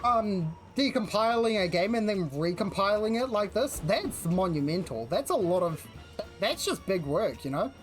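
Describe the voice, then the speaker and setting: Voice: medium pitch, expressive, moderate pace. A game streamer of unclear sex with a broad New Zealand accent, chatting casually in a slangy, rambling way that often breaks off mid-thought. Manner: slangy, rambling, self-interrupting. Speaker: game livestreamer. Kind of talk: casual chat while gaming. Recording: music behind the voice. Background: music.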